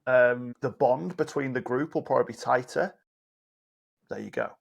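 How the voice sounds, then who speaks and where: A man's voice: mid-range voice, normal speed, creaky. A man talking on a podcast as a guest coach, telling stories and acting out both sides of a conversation. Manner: animated storyteller, acts out dialogue.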